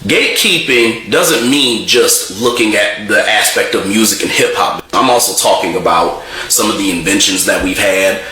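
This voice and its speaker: A man's voice: fairly low pitch, moderate pace, hardly any pauses, pushed and bright, reverberant, rough recording. A man steadily listing his points in a spoken opinion.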